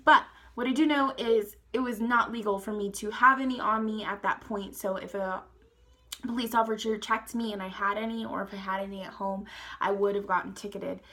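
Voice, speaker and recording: A young woman telling a rambling, profane storytime to her viewers, full of "like" and "guys" and quick laughs. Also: medium pitch, fairly even intonation, sharp tone. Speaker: storytime vlogger. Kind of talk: casual storytime vlog.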